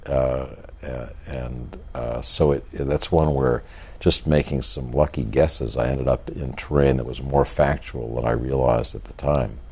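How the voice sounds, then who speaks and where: Older man, very deep monotone voice. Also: slightly rough. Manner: measured, halting, thoughtful. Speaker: author and journalist being interviewed. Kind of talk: reflective interview talk.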